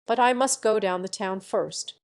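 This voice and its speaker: A woman's voice: mid-range voice, moderate pace, clear, resonant tone, natural voice. A woman voicing a vain, scheming young country woman who brags about her beauty, in a storybook reading. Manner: boastful, self-satisfied.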